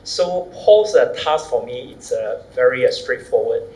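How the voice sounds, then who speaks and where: A man with a Malaysian accent giving a semi-formal panel presentation, courteous and measured, in halting phrases. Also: mid-range voice, lively intonation, darkish tone. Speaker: academic panelist. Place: echoey conference room. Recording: echoey room with faint noise.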